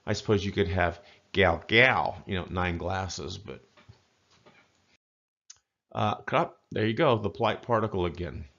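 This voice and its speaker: A man giving a casual spoken language lesson, chatty and folksy, slowly repeating words to model pronunciation. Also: low voice, fairly bright tone, lo-fi sound. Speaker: language teacher.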